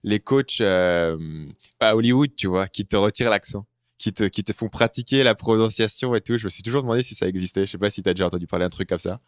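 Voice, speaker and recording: A man from France hosting a podcast, asking curious, relaxed questions with some fillers. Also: on the low side, fast talker, no echo, clean studio sound. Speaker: podcast host. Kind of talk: casual podcast interview questions.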